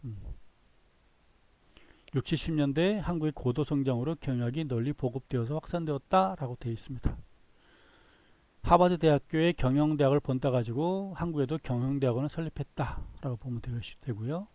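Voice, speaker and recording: A man's voice: mid-range voice, fairly quick, mellow, no echo. A man giving a recorded business lecture, reading through slides in short phrases and often repeating himself.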